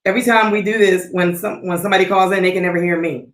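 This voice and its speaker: A woman's voice: on the low side, fairly even intonation, fast talker. A woman speaking on speakerphone from a nearly empty office, so she sounds far away, chatting casually on a livestream show. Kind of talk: casual debate chat. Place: near-empty office with an echo. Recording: echoey speakerphone audio in a bare room.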